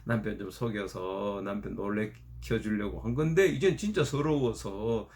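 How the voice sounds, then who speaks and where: A male pastor preaching a sermon in an animated storytelling manner. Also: on the low side, moderate pace.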